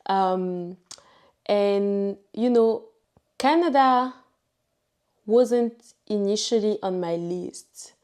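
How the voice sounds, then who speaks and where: Female vlogger, native French with Ivorian accent. Soft-edged warm tone, leisurely pace, casual personal testimony. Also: on the high side, takes it slowly, pauses often. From Ivory Coast.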